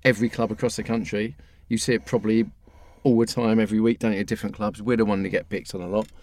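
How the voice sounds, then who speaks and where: A man's voice: lowish voice, little pitch movement, fast, a little mellow, no echo, studio quality. A man in casual football chat, hesitant, weighing both sides of the issue. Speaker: football fan pundit.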